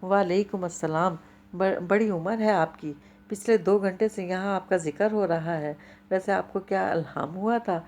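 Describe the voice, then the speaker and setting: A woman's voice: medium pitch, darkish tone, natural voice. Woman voicing Ramish, a teasing young man. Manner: playful teasing turning to earnest counsel. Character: teasing, earnest young man, a close friend.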